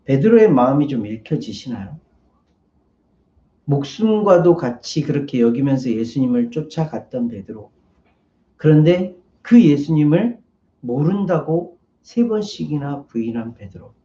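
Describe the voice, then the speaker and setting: A man's voice: medium pitch, lively intonation, unhurried, dark tone, reverberant, muffled recording. A man, a pastor, preaching a sermon and acting out the lines of the people in his story in a raised voice. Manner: acts out the maid's and Peter's lines in a raised voice. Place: church sanctuary.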